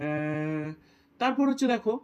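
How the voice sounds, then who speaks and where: A man teaching a grammar lesson, explaining step by step, reading examples out slowly and often asking his students whether it is clear. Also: fairly high pitch, expressive, lo-fi sound. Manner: explains step by step, checks in with "right?"; reads English examples slowly.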